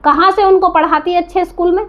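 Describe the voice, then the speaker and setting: A woman's voice: extremely high pitch, fairly even intonation, brisk, lo-fi sound. A woman giving an indignant, scolding commentary to camera, firing rhetorical questions and repeating her points for emphasis. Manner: defiant, repeats herself for emphasis. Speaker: reaction vlogger.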